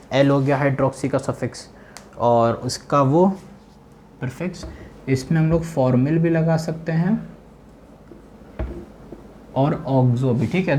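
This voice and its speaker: A man's voice: on the high side, a little mellow, slight background noise. A man teaching chemistry, lecturing a class and repeating key terms back as questions.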